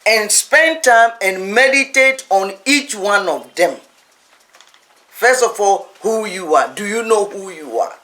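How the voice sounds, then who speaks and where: Male preacher for a teaching sermon: high voice, unhurried delivery, emphatic repeated phrases. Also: animated, sharp tone.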